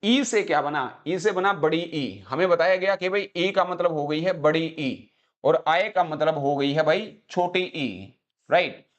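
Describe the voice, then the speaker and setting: A man's voice: a little high, unhurried, highs cut off. A man from Haryana with a Haryanvi accent, teaching English vocabulary and pronunciation in a live online class, mixing Hindi with English and quizzing students by having them repeat words. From Haryana, India. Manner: mixes Hindi with English phrases.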